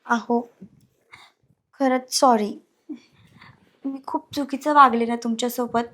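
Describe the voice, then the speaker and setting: An actress playing a scheming young wife who talks sweetly and slyly. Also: female voice, fairly high pitch, fairly even intonation, slow, sharp tone, full character voice. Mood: pleading. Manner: wheedling, sly.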